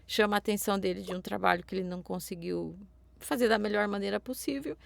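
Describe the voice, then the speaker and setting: A woman with a Brazilian accent talks through ideas in a relaxed podcast chat, her voice carrying a gravelly fry. She often checks in with a quick tag question, and the sound is dry and close with no room around it. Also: medium pitch, dry recording. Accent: Brazilian Portuguese. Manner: explanatory, frequent tag questions. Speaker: podcast co-host. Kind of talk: casual podcast discussion.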